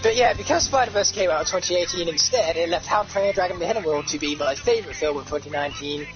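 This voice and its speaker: Male streamer, high pitch, wordy emphatic commentary, dull headset sound. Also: fast. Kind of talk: casual live game-stream commentary. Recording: muffled glitchy headset under loud music.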